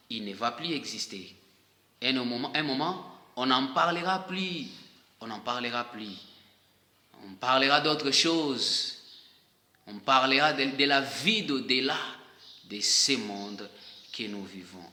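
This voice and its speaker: A man from DR Congo with a Congolese French accent, preaching a sermon to online viewers. He speaks emphatically, repeats key phrases and pauses often. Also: mid-range voice, pushed and bright. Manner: emphatic and repetitive, with hesitant pauses. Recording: echoey room with long reverb.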